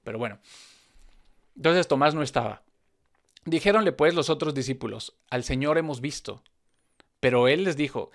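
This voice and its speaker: A man reading Bible passages aloud and explaining them in an earnest, conversational way. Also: medium pitch. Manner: reads scripture aloud, then explains it conversationally. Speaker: Bible teacher.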